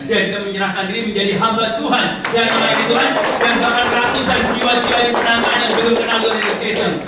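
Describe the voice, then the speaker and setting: A high-pitched man from Central Java, Indonesia, serves as guest preacher, evangelizing in a personal, conversational tone and regularly quizzing the congregation with rhetorical and tag questions. The recording comes from a distant mic in an echoing hall with an audience.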